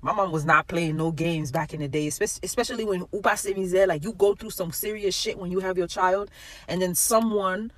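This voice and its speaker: A woman with a Haitian accent, recounting a family tale in a casual story-time manner. Her voice sits low, and she tells it with animation, tossing in Creole phrases as she goes. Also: fairly quick.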